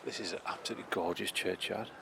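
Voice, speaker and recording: A middle-aged man with a low, gravelly voice narrates a casual walking vlog, eager and chatty as he reads inscriptions aloud. He records on a handheld camera outdoors, with clear outdoor noise and birdsong around him. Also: steady tone, fast talker. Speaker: history vlogger. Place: outdoor churchyard.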